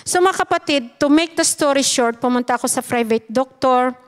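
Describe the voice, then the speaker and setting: A woman's voice: high-pitched, moderate pace, smooth. A Filipino woman giving an earnest personal testimony to a church congregation, emphatic and often addressing her listeners as brothers and sisters.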